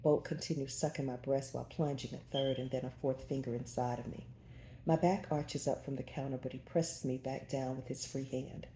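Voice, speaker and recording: A woman narrating a first-person romance audiobook in an intimate, breathy storytelling manner. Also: very deep voice, steady tone, normal speed, warm tone, roomy sound, slight background noise.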